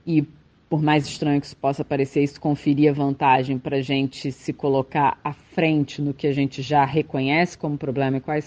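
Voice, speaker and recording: A Brazilian woman speaks in a warm, mellow voice, reflecting slowly and restarting her sentences as she searches for words. It is a podcast commentary with a slightly muffled, lo-fi sound. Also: low-pitched. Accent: Brazilian Portuguese. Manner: thoughtful, halting, many restarts and fillers. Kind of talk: reflective monologue.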